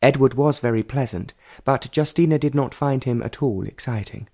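A man reading a romance novel aloud as an audiobook narrator, in a calm, even storytelling way. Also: medium pitch, moderate pace, husky. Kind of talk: scripted narration.

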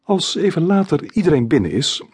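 Husky man reading a children's book. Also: fairly high pitch, big pitch swings, brisk, a little mellow, dry recording. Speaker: author reading his own book. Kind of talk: scripted children's audiobook narration.

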